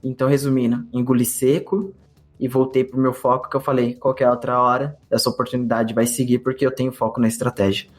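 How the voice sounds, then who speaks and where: A man's voice: mid-range voice, flat delivery, brisk, soft background music. A Brazilian man co-hosting a podcast, telling a story in casual chat and acting out his own past thoughts. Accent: Brazilian Portuguese. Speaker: podcast co-host.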